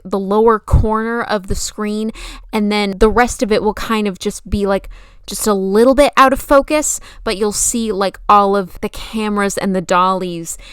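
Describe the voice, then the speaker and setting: Gushing woman with a clear, dry-recorded voice. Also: mid-range voice, dry recording. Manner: gushing, emphatic, casually opinionated. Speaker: video essayist and film commentator. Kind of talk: enthusiastic film commentary, conversational.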